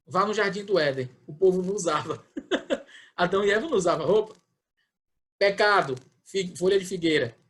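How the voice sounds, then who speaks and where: A man with a Brazilian Portuguese accent, a pastor explaining scripture in an online Bible study and acting out people's questions. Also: on the high side. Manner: explanatory, acts out questions in quoted voices.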